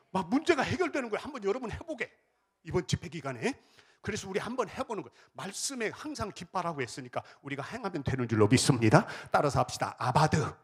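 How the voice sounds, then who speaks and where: A man preaching a revival sermon as pastor, with a Jeolla accent, shouting chants for the congregation to repeat and then dropping into chatty storytelling. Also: high voice, husky. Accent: Jeolla Korean. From Jeolla, South Korea. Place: church sanctuary.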